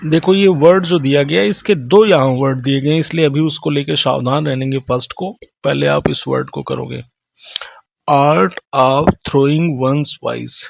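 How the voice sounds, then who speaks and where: A man's voice: on the high side, gravelly, no room sound. A man teaching English vocabulary in a classroom lesson, mixing Hindi and English and reading out definitions before explaining them. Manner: mixes Hindi and English, reads definitions slowly then explains.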